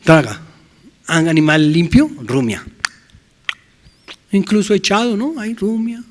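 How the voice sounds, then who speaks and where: Bolivian male pastor, sermon delivery, call-and-response questions, voice sits somewhat high. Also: sing-song, measured pace, background noise. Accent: Bolivian Spanish. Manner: asks the congregation questions, repeats "amen, brothers".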